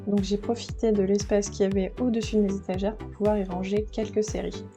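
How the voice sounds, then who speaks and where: A woman giving a casual, enthusiastic home vlog tour of her bookshelves in her living room, filming with a handheld camera and pausing with fillers as she talks. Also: mid-range voice, level tone. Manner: chatty, enthusiastic, filmed while handheld, with filler pauses. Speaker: manga collector vlogger. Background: background music.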